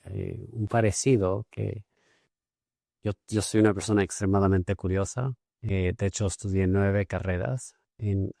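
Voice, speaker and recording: A man with a somewhat low voice hosts an interview, asking questions thoughtfully. He hesitates often and repeats words while he gathers his thoughts. The sound is dry and close-miked. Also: creaky, mellow, no echo. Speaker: podcast host. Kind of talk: casual interview conversation.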